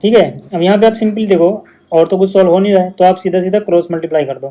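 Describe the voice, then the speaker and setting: A man's voice: sits high, quick pace, dark tone. A male maths teacher, patiently explaining steps in a casual lesson video.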